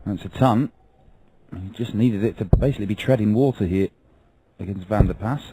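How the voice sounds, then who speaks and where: A man's voice: fairly low pitch, normal speed, mellow, slightly rough, rough recording. A man giving live darts commentary, calling the play in punchy, reactive phrases.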